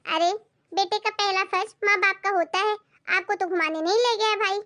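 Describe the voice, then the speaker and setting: In an animated family skit, a woman plays a jealous adult daughter, her sharp, complaining lines delivered at normal speed and an extremely high pitch.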